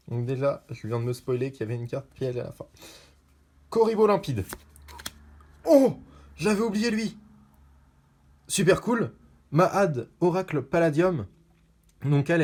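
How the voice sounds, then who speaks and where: A man chatting casually while opening trading card packs, excitedly reading out card names and their effects. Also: on the high side. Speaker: card pack opener. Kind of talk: casual pack-opening chat.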